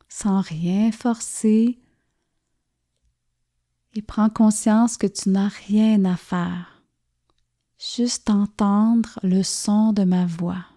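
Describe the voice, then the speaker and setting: This woman, a yoga nidra teacher, guides a relaxation meditation with a steady tone, speaking very slowly and softly. Her voice is warm and mellow at an ordinary female pitch, and she leaves gentle pauses between her soothing phrases.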